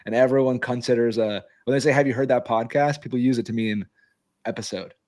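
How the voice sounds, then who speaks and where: A man co-hosting a casual livestream chat, enthusiastic and quick to laugh. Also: medium pitch, steady tone, darkish tone. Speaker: co-host.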